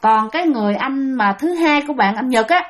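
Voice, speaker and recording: A woman's voice: high voice, lively intonation, a little fast. Chatty woman storyteller. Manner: chatty, addresses listeners directly. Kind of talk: casual spoken ghost story narration.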